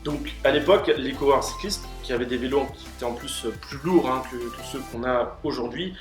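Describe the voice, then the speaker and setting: A man talks through answers in a casual, mid-pitched voice, often pausing with fillers. The room sounds roomy, with faint music under him. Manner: many fillers and restarts, explanatory. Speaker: host answering questions on cycling. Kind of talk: casual explanatory Q&A.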